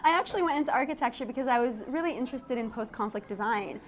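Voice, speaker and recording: A woman's voice: a little high, lively intonation, racing, a little hiss or hum. A young woman from Iraq, an architect and tech founder, chatting animatedly as an interview guest and laughing often. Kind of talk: casual interview chat. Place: event studio.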